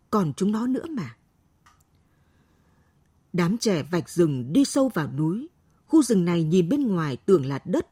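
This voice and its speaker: Slow, husky woman telling a story. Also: medium pitch, mellow, no room sound, clean studio sound. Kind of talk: scripted narration.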